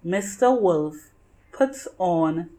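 A woman narrating a children's picture book in deliberate, simple phrases meant for young listeners. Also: fairly low pitch, lively intonation, warm tone, low-quality recording. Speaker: storybook reader.

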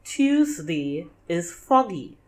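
A woman narrating a children's picture book in deliberate, simple phrases meant for young listeners. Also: on the low side, big pitch swings, a little mellow. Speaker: storybook reader.

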